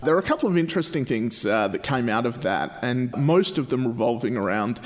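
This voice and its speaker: Podcast host, male, late twenties, mid-pitched, chatty and self-mocking, cave-like echo of a living room. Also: animated, brisk. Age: late 20s. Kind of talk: casual chatty podcast interview. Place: large living room, indoors.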